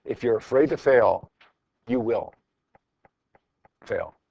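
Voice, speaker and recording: A middle-aged man teaching high school physics speaks slowly and expressively, his medium-pitched voice creaky and mellow. Working through problems with his students, he stays informal and encouraging and repeats phrases for emphasis. The sound is lo-fi without echo.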